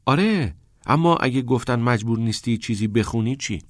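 A man's voice: medium pitch, expressive, dry recording, clean studio sound, pitched above the performer's own voice, close to an everyday voice. A male reader voicing an earnest teenage schoolboy who presses and pleads with a friend. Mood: pressing. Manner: urgent, pleading.

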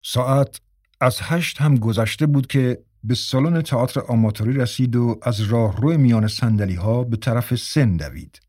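Audiobook narrator: man, mid-pitched, steady measured reading, very dry close recording. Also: breathy edge, no echo. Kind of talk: scripted storybook narration.

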